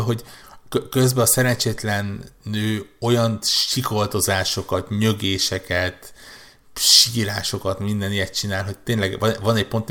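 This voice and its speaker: Low creaky guy rambling on a game podcast, lots of restarts and repeats. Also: a bit bright. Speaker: podcast co-host. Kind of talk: casual gaming chat.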